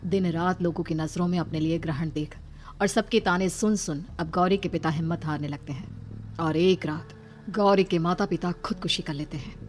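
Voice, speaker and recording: A woman's voice: lowish voice, normal speed, darkish tone. A woman narrating a horror cartoon story in a dramatic storytelling manner. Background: music.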